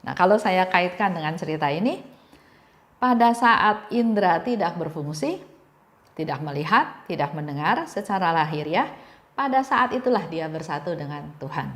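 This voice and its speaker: Woman giving a gentle devotional talk. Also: lowish voice, lively intonation, normal speed, reverberant. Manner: gentle storytelling with repeated phrases.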